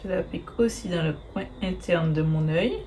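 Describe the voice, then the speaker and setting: A woman's voice: on the low side, moderate pace, dark tone, a little hiss or hum. A woman, chatting casually through a makeup tutorial, hesitant with many fillers and the odd swear word. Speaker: beauty vlogger.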